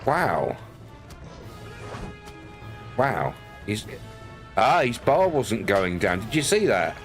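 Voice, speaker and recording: This man from the London area, England, has a fairly low voice with big pitch swings and drawn-out words. He's streaming a game with faint game music behind him, giving casual commentary and chatting with viewers. He jokes around, laughs often, and tries out regional accents for chat.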